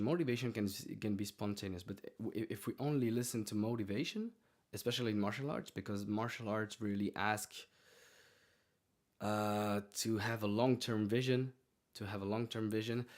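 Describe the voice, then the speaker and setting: Low-voiced man, halting motivational talk. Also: a little mellow. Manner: halting, repeats words while searching for phrasing. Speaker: martial arts podcast host.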